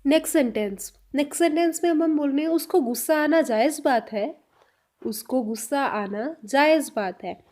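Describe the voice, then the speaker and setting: A woman teaching a spoken language lesson, saying each example sentence slowly and repeating it before she explains it. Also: sits high, darkish tone.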